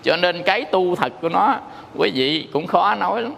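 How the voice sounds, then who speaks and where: A man's voice: high voice, expressive, normal speed, gravelly, a bit bright. A Buddhist monk teacher giving a dharma talk, telling stories and playfully singing the tone syllables to make his point. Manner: storytelling, sings tone syllables playfully. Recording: long hall reverb.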